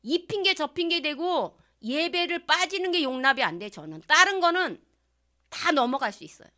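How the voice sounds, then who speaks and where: Woman pastor preaching, high bright voice, goes loud then whispery, lots of questions to the pews. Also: big pitch swings, moderate pace. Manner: rhetorical questions to the congregation, swinging from loud to hushed whispers; acts out prayers and quotes in changed voices. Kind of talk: sermon.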